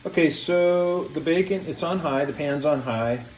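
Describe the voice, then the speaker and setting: A man hosting a casual cooking video in a home kitchen, talking step by step in a relaxed, plain way with many "uh"s and "um"s. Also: on the high side, a little slow, slight background noise. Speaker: home cooking show host.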